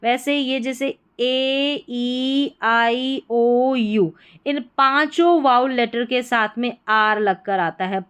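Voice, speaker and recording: A woman explains pronunciation rules to beginners, patient and methodical, restating each point more than once. Her voice is smooth and clear and sits a little high. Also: a bit bright. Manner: patient, repeats points in several words. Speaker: English teacher.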